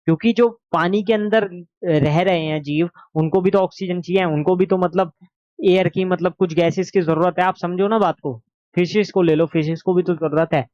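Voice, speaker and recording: A man's voice: sits high, fairly even intonation, moderate pace, a little mellow, dry recording, muffled recording. A man with a sore throat teaching an exam revision lesson, explaining patiently and asking and answering his own questions.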